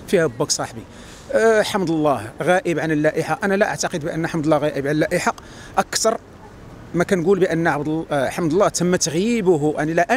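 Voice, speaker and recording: A man's voice: on the high side, a little hiss or hum. A man with a Moroccan accent arguing his view in a street interview, insistent. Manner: argumentative, fast, insistent. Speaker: fan giving street opinion. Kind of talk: street vox pop interview.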